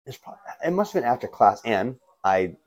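A guest who teaches martial arts and skateboards chats casually and tells stories in a mid-range, sing-song voice at a moderate pace. His laid-back frat-bro slang is packed with "man," "bro," and "you know."

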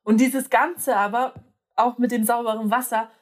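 Chatty young woman, slightly high voice. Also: fairly even intonation, moderate pace. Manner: hesitant, many fillers and restarts. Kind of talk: casual chat.

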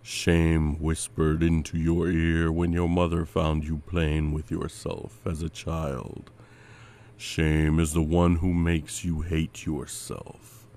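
A man voicing a sinister, patient male demon in a dramatic scripted monologue, speaking with cold courtesy and slow menace. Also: rumbling low, dark tone, full character voice.

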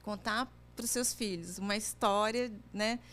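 A woman's voice: mid-range voice, measured pace, fairly bright tone. A woman career coach explaining things in a chatty way, often ending phrases with tag questions. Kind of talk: conversational advice chat.

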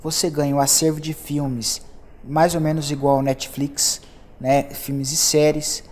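A young Brazilian man with a Brazilian accent hosts a solo podcast, chatting loosely and drifting from one topic to another. His voice sits a little high with a darkish tone, a level delivery and an unhurried pace.

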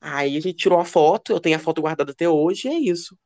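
A man co-hosting a podcast, telling gossipy stories in a casual, animated way. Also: quick pace. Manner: expressive, lively pitch. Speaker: podcast co-host. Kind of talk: casual chat.

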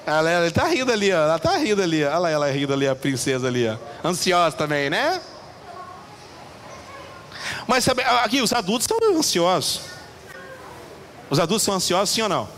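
A pastor with a high, bright voice preaching animatedly to his congregation, firing questions at the crowd. His voice rings through a reverberant church hall, with faint room ambience behind. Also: a little hiss or hum. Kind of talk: lively sermon with audience interaction.

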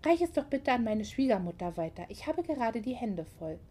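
A woman voicing a gentle, friendly young mother in a German audiobook, speaking softly and hushed. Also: fairly high pitch, very animated, a little fast.

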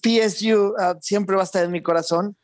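A man, a guest in an interview, speaking in a reflective, measured way with some restarts. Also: high voice, fairly even intonation, no echo, clean studio sound. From born in Argentina, raised in Mexico. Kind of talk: conversational interview.

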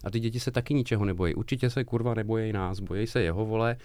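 Guy co-hosting a chat show, lowish voice, swears a lot, dry sound. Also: clear, resonant tone, no echo. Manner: blunt, swears casually, animated. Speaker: podcast co-host. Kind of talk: casual chat.

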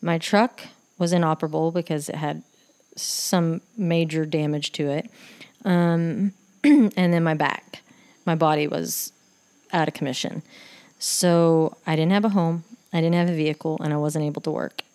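A woman host telling a personal story in casual, animated speech, acting out what people said, with frequent fillers. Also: low voice, a little slow, smooth. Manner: animated retelling, acts out quoted voices, many fillers.

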